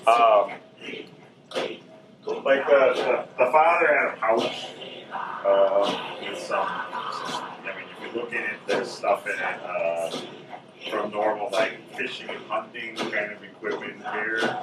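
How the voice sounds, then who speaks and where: A man with a somewhat low voice runs a tabletop horror session, wandering through his scene descriptions. He sounds distant from the mic. The room is echoey and full of convention chatter. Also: steady tone, slow, heavy background noise. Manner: loose, meandering scene description. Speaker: game master. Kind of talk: improvised narration of a tabletop horror game.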